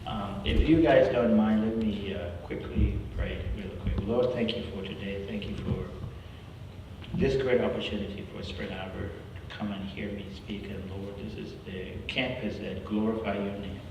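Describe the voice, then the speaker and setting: Man from South Sudan, deep-ish voice, earnest halting campus talk, far off in a long-reverb hall. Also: steady tone, gravelly, noisy background. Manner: earnest, halting, with restarts and exclamations of "wow". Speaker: guest speaker. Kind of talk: campus talk with prayer and personal story. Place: large hall.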